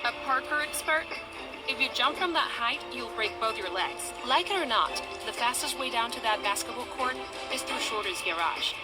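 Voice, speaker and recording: Hit-Girl, bossy high-voiced girl vigilante played by a woman. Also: lively intonation, normal speed, natural voice. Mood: mocking, impatient. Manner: sardonic, commanding. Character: bossy, sarcastic, tough young girl vigilante. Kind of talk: video game cutscene acting. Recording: loud music behind the voice. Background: loud game music.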